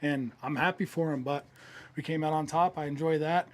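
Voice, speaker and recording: Winded football coach. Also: male voice, on the high side, steady tone, brisk. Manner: candid, laughing, plainspoken. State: out of breath. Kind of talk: postgame interview.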